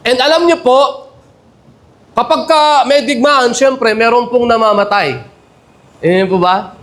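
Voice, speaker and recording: A man's voice: very high voice, unhurried, a bit bright. A Filipino man preaching a sermon as pastor, with frequent call-and-response asides to the congregation. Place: church.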